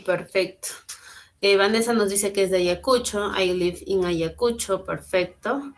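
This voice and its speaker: Teaching English online, a woman speaks at a measured pace in a medium-pitched voice, picked up by her computer mic during a video call. She stays patient and encouraging while she repeats and translates phrases.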